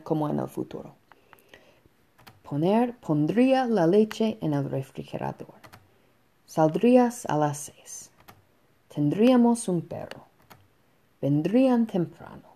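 A woman teaching a Spanish lesson to students, explaining slowly and patiently with soft fillers between points. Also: sits low. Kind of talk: recorded online lesson.

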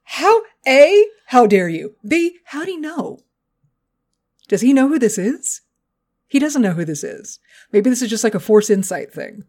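A woman co-hosting a podcast, recapping a cartoon episode in an animated, joking, profane way. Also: fairly high pitch, moderate pace, long pauses. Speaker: podcast co-host.

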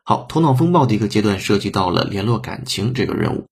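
A man's voice: fairly low pitch, sing-song, quick pace, vocal fry, slightly rough. A man teaching an English lesson, breaking sentences down step by step and sometimes spelling words out letter by letter. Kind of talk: explanatory language lesson.

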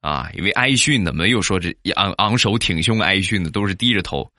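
A man's voice: low-pitched, animated, brisk, bright, forceful tone, dry recording, clean studio sound. A man from Shandong telling funny personal anecdotes in a chatty way and often asking listeners to agree. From Shandong, China. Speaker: comic storyteller. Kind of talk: comic anecdote narration.

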